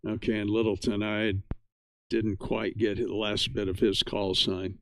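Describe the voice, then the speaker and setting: A man's voice: fairly low pitch, level tone, unhurried. An American man, middle-aged or older, hosting an amateur radio net in a chatty, folksy, casual way.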